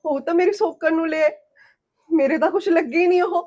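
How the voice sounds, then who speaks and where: A woman's voice: very high voice, brisk, lo-fi sound. A woman playing a tearful betrayed wife. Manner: pleading, sharp-tongued toward husband. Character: young wife betrayed by husband, hurt and bitter. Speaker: wronged first wife.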